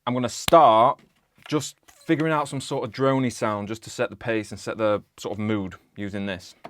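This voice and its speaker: Background noise runs under a young man's fairly low voice as he talks at normal speed about how he makes music in his home studio. It's casual vlog chatter from a producer, loose and rambling, packed with "like."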